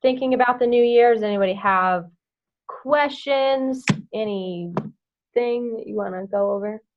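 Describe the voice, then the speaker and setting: A woman's voice: fairly high pitch, a little slow, a little hiss or hum. A young woman coaching her team on a casual call. She talks in a loose, chatty way, full of "like" and "um", and hums little filler sounds between thoughts. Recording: dull lo-fi audio.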